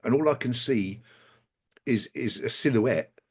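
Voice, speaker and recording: A man, a guest in a conversational interview, telling wry anecdotes in a halting way over a remote call. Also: medium pitch, darkish tone, husky.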